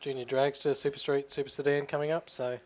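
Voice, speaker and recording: A man's voice: medium pitch, flat delivery, fast, darkish tone. Dry Australian male co-commentator at the drags. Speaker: drag racing co-commentator. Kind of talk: live race commentary. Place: commentary box at a raceway.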